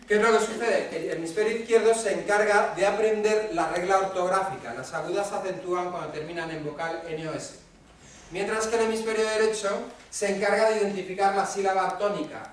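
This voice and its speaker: A man with a Spanish accent from Spain, giving a casual lecture to parents and often checking in with his audience. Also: high-pitched. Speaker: speaker at a talk for parents. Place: hall at a parents' association talk. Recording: very echoey room, mic far off, faint noise.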